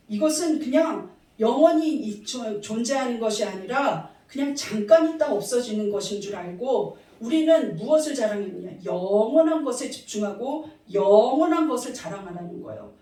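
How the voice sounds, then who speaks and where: A woman's voice: fairly high pitch, warm tone. A woman pastor preaching a sermon, asking the congregation questions and leading them in reading aloud. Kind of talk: sermon with call-and-response. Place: church sanctuary. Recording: very echoey hall, voice from a distance.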